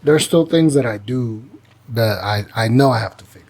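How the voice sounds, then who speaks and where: A man's voice: mid-range voice, normal speed, a little mellow, slight background noise. A man hosting a podcast in casual conversation, candid and self-deprecating as he reflects on his early episodes. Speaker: podcast host.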